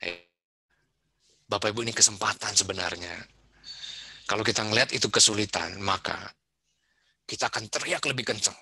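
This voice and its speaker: A man's voice: lowish voice, brisk, long pauses, sharp tone, husky, dry recording. A man giving a seminar talk to parents at a school, chatting casually and putting questions to the audience. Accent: Indonesian. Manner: conversational, asks the audience questions. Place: school event room.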